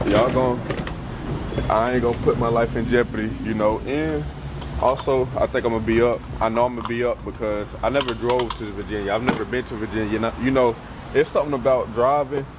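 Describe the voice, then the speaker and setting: A young man vlogging casually to his phone camera, rambling loosely with slangy speech and thinking out loud as he corrects himself. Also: mid-range voice, noisy background. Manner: laid-back slangy speech. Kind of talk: casual vlog talk to camera. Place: at home, then in a car before dawn.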